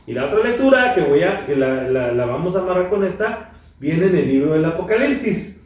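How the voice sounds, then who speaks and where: A man, co-hosting a Bible reflection talk show, who reads scripture and acts out the quoted lines with lively energy. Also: high voice, brisk. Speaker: co-host reading scripture. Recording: very echoey room, far from the mic.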